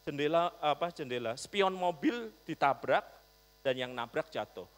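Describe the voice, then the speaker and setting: A male pastor preaching a storytelling sermon, animated, swinging from loud to soft. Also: fairly high pitch, a little slow. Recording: long reverb, mains hum.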